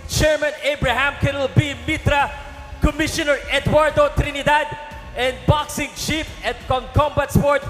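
A man working as a ring announcer, hyping fights with drawn-out boxing-style introductions over a PA. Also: very high-pitched, flat delivery, a bit bright. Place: indoor sports club fight cage. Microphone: handheld microphone over PA. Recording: echoey arena PA, music behind.

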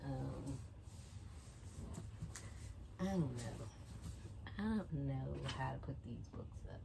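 A young adult woman vlogger with a rumbling low, creaky voice chats slowly but animatedly while tidying her small bedroom, which has a bookshelf and TV. Rambling through a book's plot with lots of fillers, she drifts near and away from a phone or camera set on a shelf, over a noisy background.

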